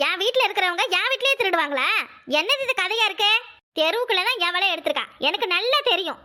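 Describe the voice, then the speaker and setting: A woman's voice: very high voice, animated, quick pace, full character voice. A woman voicing an indignant, accusing village housewife in a cartoon, with a Kanyakumari Tamil accent. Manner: complaining, accusing, shouting. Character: fiery robbed housewife, loud and indignant. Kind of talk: cartoon voice acting.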